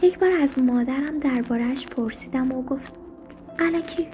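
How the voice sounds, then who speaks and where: A woman reading a story aloud in a soft, hushed narration. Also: high voice, faint music behind. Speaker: story reader.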